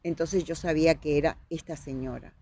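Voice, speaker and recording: A woman's voice: deep voice, fairly even intonation, brisk, a little mellow. A woman with a Uruguayan accent, a podcast guest recounting events vividly and acting out the dialogue she quotes. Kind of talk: storytelling in conversation.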